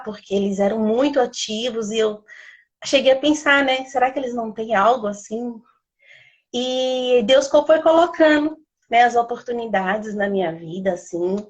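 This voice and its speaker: A woman in her thirties from Bahia, a missionary and former teacher, talking in a rambling, chatty way on a video call live stream. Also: fairly high pitch. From Salvador, Bahia, Brazil. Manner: chatty, rambling with many fillers. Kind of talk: casual live-stream talk.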